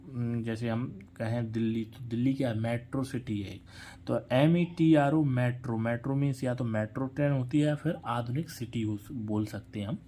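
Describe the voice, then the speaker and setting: A man teaching an English phonics lesson, spelling out letters slowly and asking and answering his own questions. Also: medium pitch, a little mellow.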